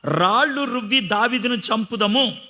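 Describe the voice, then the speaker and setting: A man's voice: very high voice, normal speed, sharp tone. A man preaching a sermon, asking his listeners questions and acting out the lines of people in the story. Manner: teaching by questions to the audience, acting out quoted lines. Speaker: pastor.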